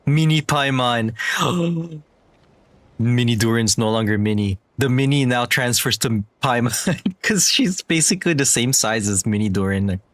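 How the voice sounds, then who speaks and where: A man's voice: medium pitch, lively intonation, moderate pace. Young man giving casual game commentary. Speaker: game streamer.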